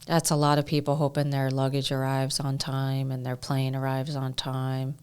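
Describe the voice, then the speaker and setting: A woman co-hosting a podcast in casual chat, upbeat, with quick reactions and banter. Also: very deep voice, completely flat delivery, darkish tone, clear, resonant tone. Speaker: podcast co-host.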